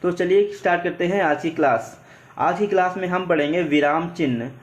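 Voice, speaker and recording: A man's voice: sits high, normal speed. A man teaching an online Hindi grammar class with an Indian accent, explaining step by step and repeating key words, mixing in English words.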